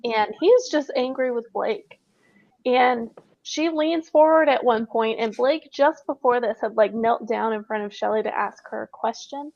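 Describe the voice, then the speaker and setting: A woman, a paranormal investigator, telling a story in a casual interview, brisk and excited. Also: on the high side, gravelly, no echo. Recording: dull, dry remote audio.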